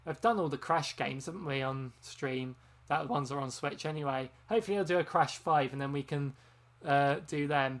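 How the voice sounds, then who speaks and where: Streamer host, loose rambling chat, lots of ums, tired from a long live stream. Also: mid-range voice. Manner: rambling, chatty, frequent ums and self-corrections. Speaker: game channel host.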